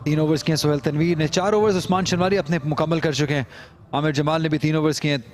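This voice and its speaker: A man's voice: on the high side, steady tone, fast talker. A Pakistani man giving live cricket commentary, analysing play and praising shots appreciatively.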